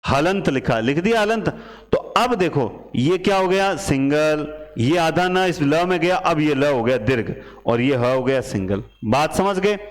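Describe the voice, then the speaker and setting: Man teaching in an echoey room. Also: a little high. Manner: explains step by step, asks and answers own questions. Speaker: Hindi teacher. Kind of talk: classroom lecture.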